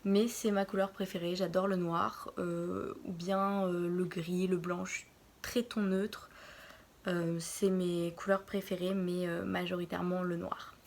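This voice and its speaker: Woman, early 20s, from Normandy, casual vlog host; low-pitched with a gravelly edge, hesitant delivery. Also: level tone. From France, Normandy. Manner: hesitant, pauses often to think. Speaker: vlogger. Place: her bedroom.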